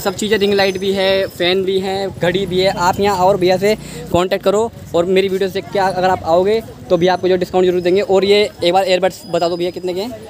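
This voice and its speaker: Walking through a busy outdoor street market, a young man in his twenties vlogs on a phone held at arm's length, a loud crowd audible behind him. His voice sits high, with a flat delivery and a slightly fast pace. He chats with viewers, calling them guys and brother, and repeats the prices he asks about.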